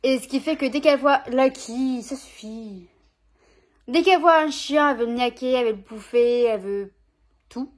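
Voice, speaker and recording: A young woman with a high, brisk voice vlogs at home with her dog beside her. She chats casually in an informal, slangy way, filling her speech with lots of fillers.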